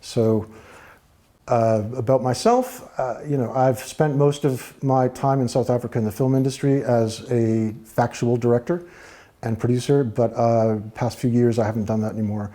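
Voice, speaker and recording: A man from the United States with an American accent, a guest in a studio interview, talking in a thoughtful, measured way with frequent fillers. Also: mid-range voice, fairly even intonation, dark tone. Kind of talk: relaxed interview talk.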